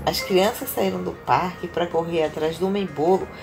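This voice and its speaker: A mother reads a children's story to her kids in a playful, encouraging way. Her voice sits a little low and has a gravelly fry, and clear music plays behind her. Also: fairly even intonation, normal speed. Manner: warm-hearted, playful, praising the children. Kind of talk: reading a children's story aloud.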